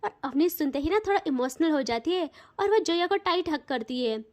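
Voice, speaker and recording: Woman storyteller, chatty informal narration, very high pitch. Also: animated, brisk, darkish tone.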